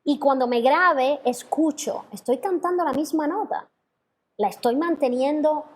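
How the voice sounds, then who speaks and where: A woman's voice: sits high, measured pace, slight background noise. A woman teaching a singing class, explaining patiently and singing sample notes and scat syllables. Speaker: vocal teacher. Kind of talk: online class feedback to students.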